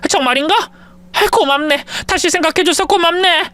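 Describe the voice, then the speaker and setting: A man's voice: very high-pitched, a little fast, pushed and bright, voice pushed up. A man voicing an older mother-in-law who pleads and scolds in old-fashioned speech. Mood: fretful.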